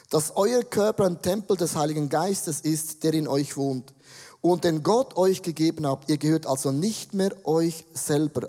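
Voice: mid-range voice, dark tone, long reverb tail. A pastor preaching a sermon on a church stage, earnestly acting out prayers and dialogue.

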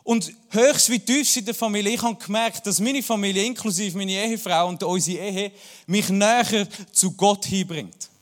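A man's voice: high voice, moderate pace. A man in his thirties with a Swiss German accent, preaching a church sermon full of personal anecdotes and humor. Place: church hall. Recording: long hall reverb.

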